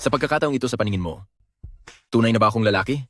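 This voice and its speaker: A man's voice: mid-range voice, very fast, fairly bright tone, slight background noise, natural voice. A man dubbing a proud young prince in a period drama, clipped and brooding. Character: proud young male prince, guarded and intense.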